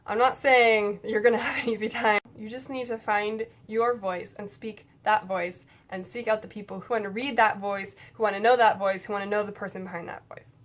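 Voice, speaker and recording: A young woman talking casually to camera about writing, frank and chatty, swearing now and then. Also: mid-range voice. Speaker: writing vlogger.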